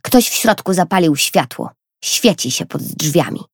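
A steady, self-assured young boy voiced by a woman reading a storybook speaks in a low, gravelly voice with a husky grain. His lines come out even and sure. The recording is close and dry. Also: measured pace, no echo, full character voice. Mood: calm. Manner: calm, confident delivery. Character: thoughtful, determined young boy.

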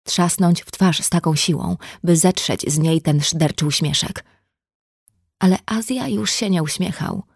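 A woman narrating an audiobook in a measured, even reading. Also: fairly low pitch, husky, no echo, studio quality. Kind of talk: scripted narration.

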